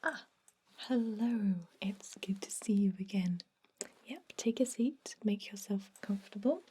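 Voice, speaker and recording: Whispering gently, a woman plays a composed, matter-of-fact vampire dentist for an ASMR roleplay, guiding the listener through soft-spoken instructions. Her mid-range voice is husky and unhurried.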